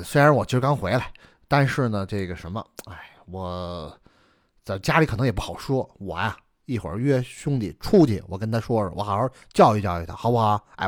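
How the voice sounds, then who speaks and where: A male storyteller voicing a quick-tempered elder brother and husband who talks gruffly, soothing his wife and scolding his sibling. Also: fairly low pitch, no echo, clean studio sound, close to an everyday voice.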